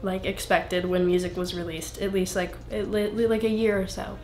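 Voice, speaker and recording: A woman's voice: medium pitch, flat delivery, normal speed, a little mellow, echoey room. A young woman in her twenties, a singer being interviewed, talking in a rambling, self-interrupting way with lots of fillers. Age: 20s. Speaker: singer-songwriter guest. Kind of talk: casual interview.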